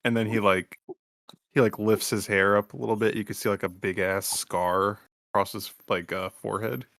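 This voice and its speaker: A man playing a tabletop role-play game, joking in a deadpan way with hesitant fillers. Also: lowish voice, moderate pace, vocal fry, no echo, clean studio sound. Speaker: player.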